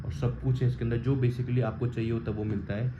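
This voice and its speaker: Speaking quickly at a medium pitch with little variation, a man from India casually unboxes and installs some gear for his review vlog. He chats informally, moving between Hindi and English, over muffled, lo-fi audio with a little background noise.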